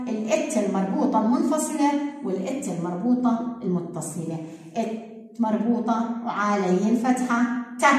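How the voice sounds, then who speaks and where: A woman's voice: a little high, a little mellow. A woman teaching first graders, drawing out syllables in a sing-song way. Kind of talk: online classroom lesson. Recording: very echoey hall-like room.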